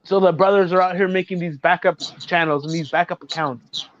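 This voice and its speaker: A man chatting casually and telling stories in an animated way, full of swearing. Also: high-pitched, brisk. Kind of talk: casual chat. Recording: dull lo-fi sound.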